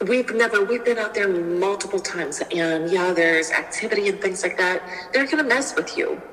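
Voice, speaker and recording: A woman's voice: mid-range voice, moderate pace, fairly bright tone. A woman chatting casually as a guide, giving directions in a reassuring way. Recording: echoey with faint noise.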